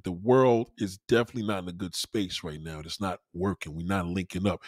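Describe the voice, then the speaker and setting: A man with a low-sitting voice, recorded in studio quality with no echo, delivers a blunt, profane opinion monologue. He lectures in a casual way and is emphatic, repeating his points for stress.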